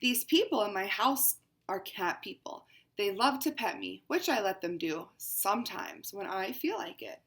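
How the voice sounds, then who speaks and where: With big swings in pitch and an unhurried pace, a woman performs a pampered, haughty house cat from a picture book, exclaiming dramatically in a fussy mood. Her medium-pitched, fairly bright voice carries a slight hiss or hum, and she narrates in a female-ish way.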